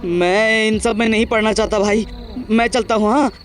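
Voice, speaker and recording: A man's voice: high-pitched, fairly even intonation, normal speed, lightly acted. A man voicing a jumpy, cowardly young cartoon character who stammers in panic. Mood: scared.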